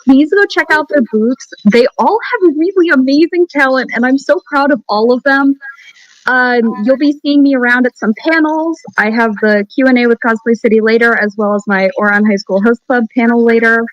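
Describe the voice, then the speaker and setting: Friendly bubbly woman on a call, kinda high voice, dull muffled audio. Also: moderate pace, no room sound. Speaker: cosplay staff head. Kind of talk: casual online call chat. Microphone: video call.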